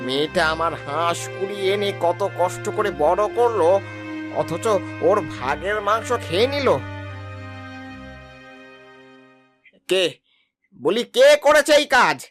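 A man voicing a fair-minded village father in a cartoon, with a calm, firm way of speaking. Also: high voice, normal speed, soft background music. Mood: indignant.

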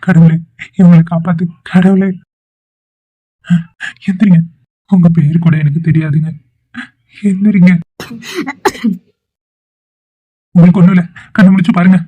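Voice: medium pitch, fairly even intonation, narrow, tinny audio, close to an everyday voice. A performer voicing a kind, worried young man in a cartoon, talking anxiously and pleading. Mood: panicked, pleading. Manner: anxious, pleading, talks quickly. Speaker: cartoon character. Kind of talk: Tweencraft cartoon voice acting.

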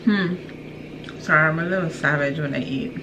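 Low-pitched woman chatting over kitchen noise. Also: moderate pace. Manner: chatty, self-deprecating, flustered. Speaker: guest reviewer, host's wife. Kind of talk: casual food review. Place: home kitchen, indoors. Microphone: camera mic, medium shot.

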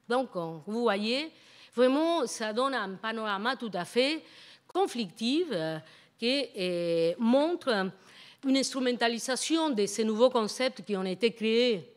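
A middle-aged native Spanish-speaking woman with a foreign, Latin American Spanish accent in French, giving a public academic lecture and often halting to search for words. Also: on the high side, lively intonation. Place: indoor lecture hall at a university. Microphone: handheld-type microphone on a stand.

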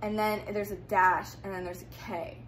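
A woman's voice: mid-range voice, flat delivery, normal speed, a bit bright, a little hiss or hum. Chatty young woman telling a story. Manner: chatty, many fillers. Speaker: YouTuber. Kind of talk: casual storytime.

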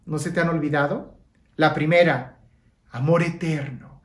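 A woman's voice: deep voice, fairly even intonation, unhurried, reverberant. A woman preaching a Lenten sermon, dramatic, sinking to a near-whisper on key phrases and asking listeners questions. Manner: asks listeners rhetorical questions, leads breathing prayer.

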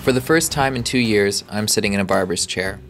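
A man reporter reading a scripted voice-over in a calm, reflective way. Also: on the low side, a little fast, soft background music. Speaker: reporter narrating his story.

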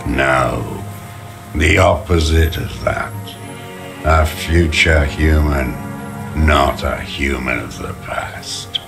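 In a video game, an actor plays a bitter, defiant old communist deserter, sounding like a doctrinaire ideologue. His male voice is very deep and gravelly, slow, contemptuous, scornful and heavily acted, with loud music playing behind him.

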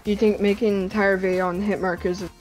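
A woman's voice: mid-range voice, level tone, fast talker, a little mellow, faint music behind. A woman chatting casually over voice chat while playing a game, her microphone crackling and cutting out as she repeats broken questions.

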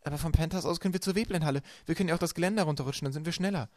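A clever, practical teenage girl, voiced by a man reading a storybook aloud, brisk and encouraging. Her voice sits a little higher than his own, and she talks quickly. The sound is close and dry. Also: darkish tone, no room sound, lightly acted. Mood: earnest.

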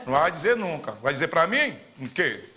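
A man in his fifties with a Paraense Brazilian accent, hosting a live campaign talk with emphatic, fiery delivery that swings between loud declarations and low asides. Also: sing-song, a little fast. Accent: Paraense Brazilian Portuguese. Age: 50s. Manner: gestures broadly with his arms while talking. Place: indoor studio in front of a green screen.

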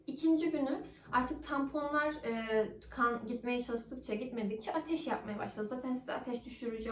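A young woman vlogger telling a personal story in a casual, animated way, acting out the dialogue. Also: a little high, distant mic. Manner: animated, acts out quoted dialogue. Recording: roomy echo, somewhat off-mic.

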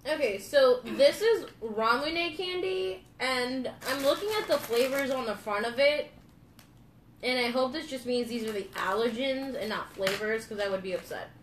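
A woman's voice: a little high, normal speed, recorded from a distance. A young woman hosting a casual live candy review, talking bluntly and swearing freely. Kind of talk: casual live-stream chat. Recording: echoey room, a bit off-mic, faint noise.

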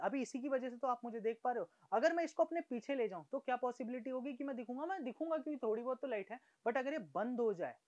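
A male science teacher giving a demonstration lesson. He talks straight to the viewer in a lively, coaxing way, asking questions and answering them himself. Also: very high-pitched, highs cut off. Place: room he darkens and lights for the demonstration.

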